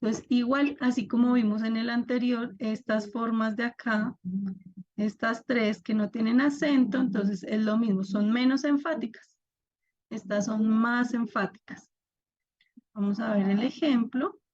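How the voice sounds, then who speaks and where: A woman's voice: fairly high pitch, fairly even intonation, measured pace, darkish tone, highs cut off. A young woman teaching an online class, patiently explaining step by step and asking her students to react.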